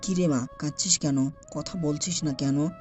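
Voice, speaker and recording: A man voicing a worried older father who speaks gently to his family. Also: a little high, fairly even intonation, measured pace, faint music behind, natural voice.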